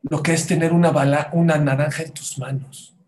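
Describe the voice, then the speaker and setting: A man delivers a sermon in a somewhat high voice. He swings from hushed, low asides to loud, raised passages, acting out the people in his stories. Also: steady tone, a little fast. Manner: dramatic, swings from hushed to loud, acts out quotes. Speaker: preacher.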